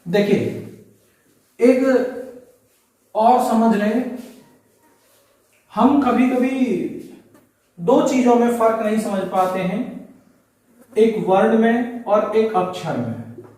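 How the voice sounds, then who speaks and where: A man's voice: sits high, takes it slowly, pauses often, darkish tone. A male teacher giving a lecture, explaining step by step and pointing things out as he goes. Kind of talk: classroom lecture. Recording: echoey room, mic far off.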